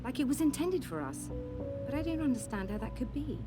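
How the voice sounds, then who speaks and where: An earnest woman scientist in a video game, speaks in a fairly high, animated voice. She is puzzled by what she studies, with music clearly behind her. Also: fairly quick. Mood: intrigued, puzzled.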